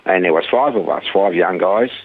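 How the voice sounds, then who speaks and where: An older man from Switzerland telling his life story in an interview, halting and restarting sentences. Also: sits low, narrow, tinny audio. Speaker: interview guest.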